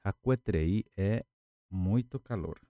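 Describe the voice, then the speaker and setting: Low, dark-voiced man teaching words patiently. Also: no room sound. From Paraguay. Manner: patient, repeats words slowly. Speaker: language teacher. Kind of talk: lesson explaining words at a whiteboard.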